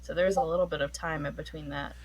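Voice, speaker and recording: A woman playing in a tabletop game, animated and joking, quick to laugh. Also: sits low, breathy edge, lo-fi sound. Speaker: player. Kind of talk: casual tabletop game chat.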